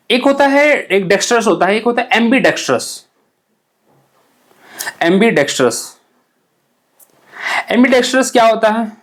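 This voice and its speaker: A man teaching English vocabulary for exam aspirants, explaining words in Hindi mixed with English and often checking "ठीक है?". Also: high voice. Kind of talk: exam-prep vocabulary lesson.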